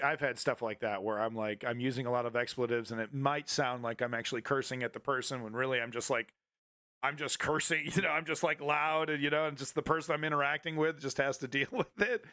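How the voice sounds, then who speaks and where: A man's voice: medium pitch, a little fast, bright, forceful tone, no room sound, clean studio sound. A man hosting a live stream, commenting casually in a rambling way with many restarts and expletives. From United States. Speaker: streamer host.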